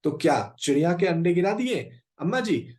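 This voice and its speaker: A man's voice: sits high, sing-song, moderate pace, darkish tone. A male teacher voicing a timid young girl from a storybook, telling on her brother.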